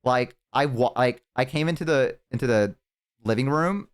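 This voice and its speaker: Young male streamer, mid-pitched, casual chatter to his audience, swears freely and does lively voices when telling stories. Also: moderate pace, clear, resonant tone. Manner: rambling, profane storytelling with animated impressions; talks to chat. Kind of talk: casual live-stream chat.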